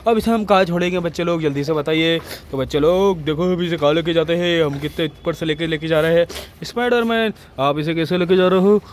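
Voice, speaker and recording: High-voiced man narrating toy play for kids. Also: fairly quick, slight background noise. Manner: eager, repetitive, addresses children constantly.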